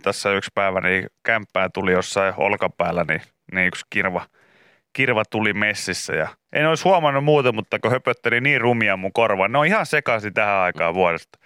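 Kirkasääninen, sointuva mies radiojuontajana. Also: male voice, lowish voice, sharp tone, clear, resonant tone, dry recording, studio quality. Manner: jokey, reads out news snippets between asides. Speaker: radio morning show host. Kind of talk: casual on-air banter. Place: radio studio. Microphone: studio microphone.

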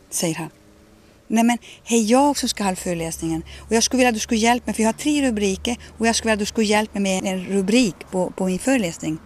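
A woman, telling personal stories in a radio conversation and acting out the dialogue she quotes. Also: medium pitch. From Ostrobothnia, Finland. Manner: animated, acts out quoted dialogue. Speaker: interviewee.

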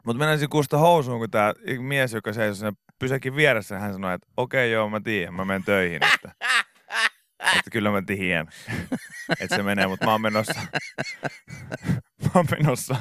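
A man's voice: fairly low pitch, pauses often, pushed and bright, clean tone, no echo. A male morning radio host casually telling an anecdote in a rambling way, with many fillers, on a studio microphone. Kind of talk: casual studio chat, storytelling.

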